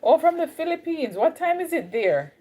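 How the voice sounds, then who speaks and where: A young woman with a Jamaican accent hosts a livestream, chatting casually and greeting viewers as she drifts between Caribbean accents. Her voice is high-pitched and very animated, with a dark tone, and she talks at a normal speed.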